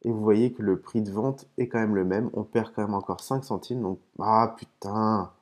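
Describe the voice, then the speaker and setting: A man hosting a casual gaming video, explaining terms patiently between hesitant pauses and muttered curses at his own mistakes. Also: on the low side, mellow. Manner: hesitant, with frequent "euh" and restarts. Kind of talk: casual commentary while opening game cases.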